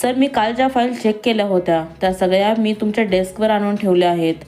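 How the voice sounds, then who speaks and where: A woman voicing a timid young female employee who speaks softly and nervously, with faint music behind. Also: mid-range voice, fast, close to an everyday voice. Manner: soft-spoken, nervous, innocent.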